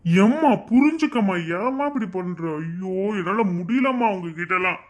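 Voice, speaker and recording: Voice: medium pitch, animated, moderate pace, highs cut off, lightly acted. A harried young husband, as a voice actor plays him. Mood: pleading. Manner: pleading, exasperated.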